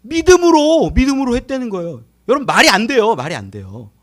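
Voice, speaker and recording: A male pastor preaching a Sunday sermon in a church, animated and full of rhetorical questions. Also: sits high, fast talker. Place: church sanctuary.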